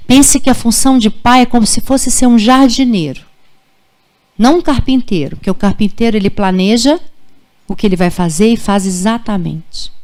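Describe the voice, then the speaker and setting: A woman's voice: on the high side, normal speed. A woman, a pediatrician giving a conversational talk to parents in a school auditorium, often checking in with her listeners. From Brazil. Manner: warm, conversational, checks in with "tá?" and "gente". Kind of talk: live lecture to parents.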